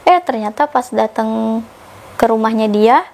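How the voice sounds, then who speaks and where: Young woman, higher voice, animated podcast guest who acts out quotes. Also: unhurried, vocal fry, slight background noise. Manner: animated, acts out quoted dialogue with sudden pitch jumps. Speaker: podcast guest telling her story. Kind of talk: casual storytelling.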